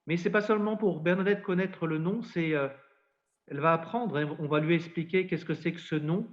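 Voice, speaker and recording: A man's voice: a little high, a little fast. A man, a priest, tells a story in a podcast conversation at length, bringing quotes to life. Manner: narrates at length, acts out quotes. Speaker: priest and spiritual adviser. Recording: dull lo-fi sound.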